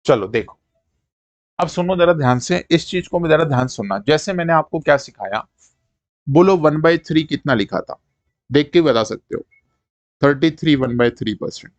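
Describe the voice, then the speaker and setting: A man's voice: a little high, expressive. Maths teacher man, hinglish mix, checks in often, dry voice w no room echo. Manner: drills numbers in quick call-and-response; coaxing, repeats "ठीक है" to check students follow. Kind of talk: live-streamed maths lesson.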